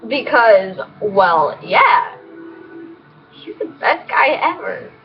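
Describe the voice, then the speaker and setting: A woman's voice: mid-range voice, sing-song, slow, slight background noise. A woman rambling in a casual vlog, giggling and gushing as she talks. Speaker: vlogger. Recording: dull lo-fi with voices behind.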